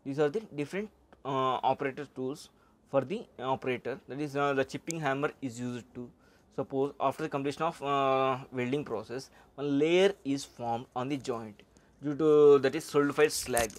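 A middle-aged man, lecturing on welding over slides, with halting speech and frequent "uh" and "okay". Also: medium pitch, fairly even intonation. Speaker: welding instructor.

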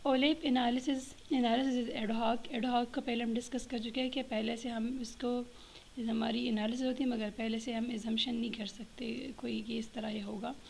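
A woman giving a slide lecture, reading each point slowly and then explaining it with many pauses and fillers. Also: a little high, vocal fry, a little mellow, a little hiss or hum, poor audio. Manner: explains in Hindi-Urdu mixed with English terms, many fillers. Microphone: voice-over on slides.

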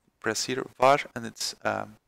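Man, gravelly tutorial presenter, halting delivery with fillers, mid pitch. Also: steady tone, a bit bright, no echo. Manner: halting, many fillers and restarts. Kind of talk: screen-recorded software tutorial.

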